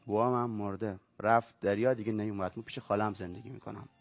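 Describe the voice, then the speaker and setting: A man reading a story aloud and voicing a quiet, sad orphaned schoolboy who gives short, flat replies. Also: lowish voice, creaky, faint music behind, voice pushed down. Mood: hushed sad.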